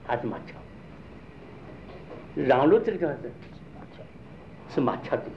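A man's voice: mid-range voice, very animated, a little slow. A man explaining a problem, repeatedly quizzing his listeners with rhetorical questions. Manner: rhetorical questions, drilling points. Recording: dull lo-fi recording with faint noise.

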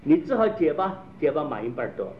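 A man's voice: on the high side, sing-song, a little fast. Man drilling listeners with questions, lo-fi. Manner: rhetorical questions, drilling points. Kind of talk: explaining and quizzing listeners. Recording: dull lo-fi recording with faint noise.

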